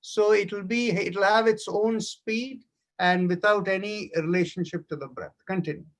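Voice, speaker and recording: A man teaching an online yoga class, calmly guiding a silent mantra meditation with slow, measured instructions. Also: high-pitched. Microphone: online class microphone.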